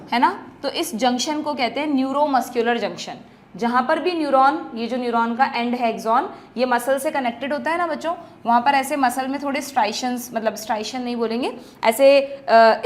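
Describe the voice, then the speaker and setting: A woman biology teacher giving an exam-prep lecture, explaining step by step and checking in with her students in phrases. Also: high voice.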